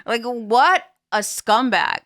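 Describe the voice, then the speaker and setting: Woman podcast host, bright voice, animated, mocking, jumps up high when she quotes people. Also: takes it slowly, dry recording, clean studio sound. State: home with a baby. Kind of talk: casual chat.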